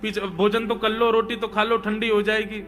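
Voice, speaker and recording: A man's voice: high-pitched, little pitch movement, normal speed, fairly bright tone. A man voicing a farmer's practical wife who coaxes and hurries her husband. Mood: coaxing.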